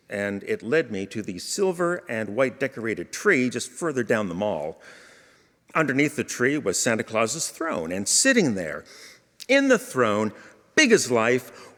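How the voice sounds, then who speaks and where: A man's voice: mid-range voice, very animated, measured pace, fairly bright tone. A man telling a humorous personal story in a wry, playful manner, in a reverberant hall.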